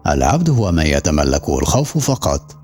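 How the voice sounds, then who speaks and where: A man's voice: extremely low pitch, very animated, a little fast, darkish tone, soft background music, exaggerated voice. A man voicing a fierce, defiant woman who mocks those around her in an audiobook. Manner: sarcastic.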